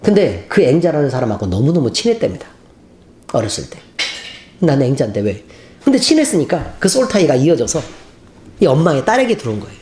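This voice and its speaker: A pastor preaching a sermon who tells stories animatedly and acts out the scenes. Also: male voice, fairly high pitch, fast. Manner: animated storytelling, acting out scenes. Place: church sanctuary. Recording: roomy church hall, faint noise.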